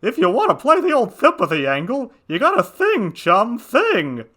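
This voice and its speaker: A man's voice: very high-pitched, huge pitch swings, sharp tone, voice pushed up, exaggerated voice. A man voicing a brash, slangy male alley cat full of street talk. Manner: slangy, fast-talking.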